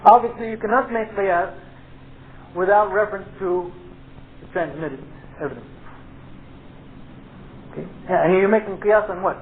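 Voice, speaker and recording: A man teaching an informal Islamic studies class, explaining step by step and dropping in Arabic terms. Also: high-pitched. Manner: explanatory, pausing for checks like "okay", peppered with Arabic terms. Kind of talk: informal lecture with question and answer. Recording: tinny phone-like lecture tape, faint noise.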